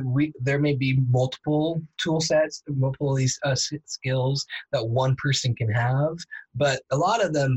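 A husky man hosts a casual podcast interview. He rambles and restarts his sentences, winding through long questions. His voice sits at a middle pitch. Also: rough recording. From United States. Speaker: podcast host.

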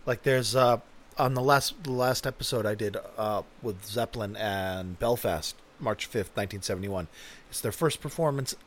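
A man hosting a podcast in a casual, rambling way, joking and poking fun at himself. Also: mid-range voice. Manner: joking, self-mocking, rambling. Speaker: podcast host.

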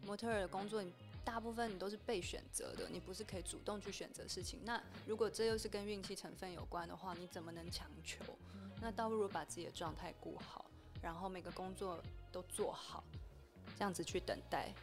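Model guest: woman, quick and frank, music underneath. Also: mid-range voice. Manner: frank, animated storytelling. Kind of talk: casual podcast conversation.

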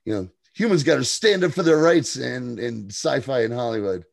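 A man's voice: medium pitch, lively intonation, normal speed, vocal fry, dry recording, clean studio sound. A man co-hosting a casual TV recap podcast, rambling with profane, laughing asides. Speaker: podcast co-host.

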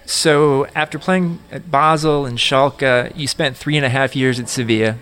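An American man interviewing a footballer, asking prepared questions in a measured way. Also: mid-range voice, fairly even intonation, fairly bright tone, smooth. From United States.

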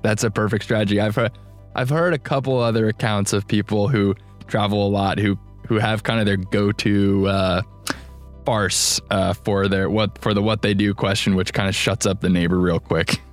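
A man's voice: lowish voice, steady tone, moderate pace, faint music behind. A man hosting a casual interview, giving short, supportive replies. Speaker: podcast host.

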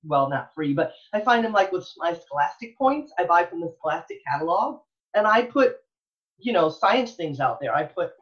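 This interview guest, a middle-aged American elementary school librarian from Texas, speaks with a sing-song lilt at a moderate pace in a fairly low voice. She's enthusiastic, earnest and emphatic, often repeating phrases, and the recording's highs are cut off.

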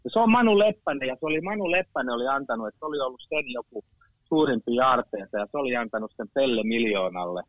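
A man in his fifties, a guest, tells stories in a relaxed chat, rambling, backtracking on his words and dropping casual swearing. His mid-range, dry voice carries no room sound and comes through a slightly dull, lo-fi recording.

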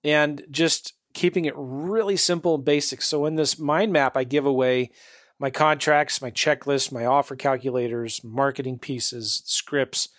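A man's voice: medium pitch, steady tone, a little slow, fairly bright tone, no room sound, clean studio sound. A man hosting a podcast, upbeat and chatty, often laughing as he talks. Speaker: podcast host. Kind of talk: casual interview chat.

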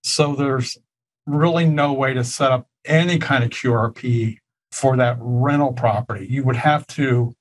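A man's voice: mid-range voice, a little slow, low-quality recording. A man co-hosting a tax question show, explaining retirement plans and rules in a careful, practical way. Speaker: tax advisor co-host. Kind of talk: casual tax Q&A chat.

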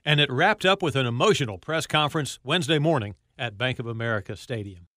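A man hosting a sports podcast, reading scripted narration in a crisp news delivery. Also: medium pitch, lively intonation, fast talker, bright, forceful tone. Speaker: podcast host.

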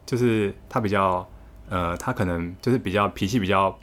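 A young man with a Taiwanese Mandarin accent, appearing as a guest storyteller, tells funny stories in casual chat. His voice sits low and his pace is moderate. He's animated, laughs a lot and often restarts his sentences.

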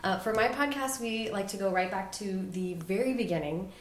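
A woman's voice: mid-range voice, moderate pace, echoey room. A woman hosting a podcast, asking questions in an upbeat, enthusiastic way. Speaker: podcast host. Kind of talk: casual interview.

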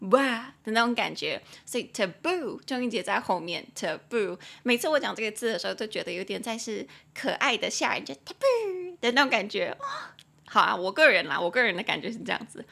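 A bright, clear-toned woman with a Taiwanese Mandarin accent teaches English on a podcast. Her talk is lively and playful, with giggles along the way. She slows down to read each English sentence out carefully. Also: medium pitch. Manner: lively and giggly, reads English lines slowly. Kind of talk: bilingual language lesson podcast.

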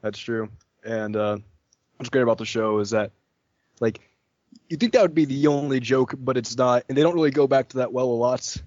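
A man with a mid-pitched voice gives an enthusiastic, casual review among friends. The sound is dry and a little dull, and he swears offhandedly. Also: normal speed, darkish tone, dry recording.

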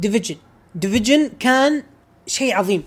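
A man's voice: very high-pitched, animated, normal speed, fairly bright tone. A man co-hosting a casual gaming chat, ranting in an exasperated, emphatic way. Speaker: gaming podcast co-host.

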